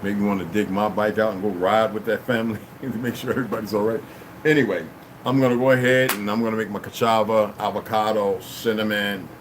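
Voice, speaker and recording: Talking fast in a fairly low voice, this man hosts a livestream from his home. He chats and rambles, thanks the people donating, and often asks "you know what I mean," while an air conditioner keeps up a steady hum behind him.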